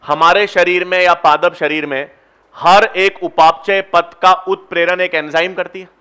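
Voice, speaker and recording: Bright-voiced man teaching a class. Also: high voice, steady tone, smooth. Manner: coaxing, encouraging students to answer; slow, deliberate when explaining steps. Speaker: biology teacher. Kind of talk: classroom lecture with student questions.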